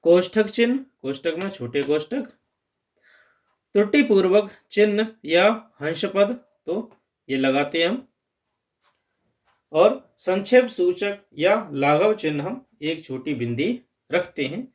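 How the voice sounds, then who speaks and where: A man's voice: sits high, expressive, slow pace. A man teaching a grammar lesson for exam prep, explaining step by step and stressing key terms.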